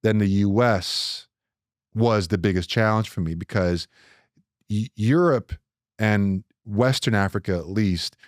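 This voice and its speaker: Low-voiced man telling stories animatedly. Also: measured pace, dry recording, clean studio sound. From Nigeria. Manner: animated storytelling, many restarts, voice jumps up when joking. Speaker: podcast co-host. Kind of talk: casual podcast conversation.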